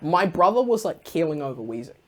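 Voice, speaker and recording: Fairly quick, with big pitch swings in a voice on the high side, a young man from New Zealand rambles through stories as a podcast co-host. His casual storytelling chat, in a New Zealand accent, is full of "like".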